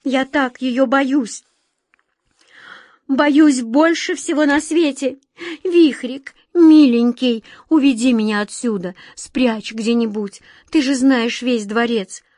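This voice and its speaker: A woman reading aloud voices a timid little girl, anxious and pleading, close to tears. The voice is high and breathy with worry, recorded dry and close. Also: moderate pace, darkish tone, no room sound, close to an everyday voice. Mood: frightened.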